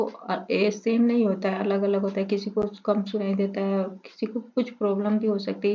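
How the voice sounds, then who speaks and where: Flat-voiced woman tutor, lo-fi. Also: medium pitch. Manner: halting, many fillers and restarts. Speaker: teacher-exam tutor. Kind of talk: explaining lesson material. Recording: dull lo-fi recording.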